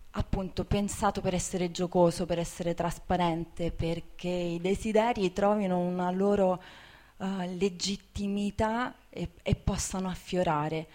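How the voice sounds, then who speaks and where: A bookseller who co-founded a women's bookshop speaks informally to an audience, reflective and hesitant, repeating words as she searches for them. Her voice is medium-pitched with a darkish tone.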